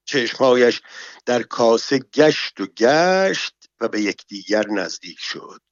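A man narrating an audiobook in an even, measured storytelling voice. His voice sits mid-range, and the recording is dry with a slightly dull, muffled top end. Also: mid-range voice, dry recording.

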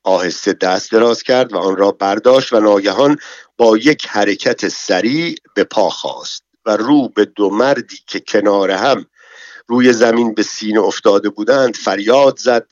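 A man with a low voice reads a story aloud in a measured, dramatic way. The sound is dry with no room echo. The recording has a dull, lo-fi quality. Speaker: narrator. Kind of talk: audiobook narration.

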